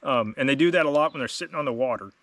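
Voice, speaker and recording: A man's voice: mid-range voice, racing, a bit bright. Distant-miked man giving a casual demo. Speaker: host demonstrating duck calls. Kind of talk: casual product demonstration.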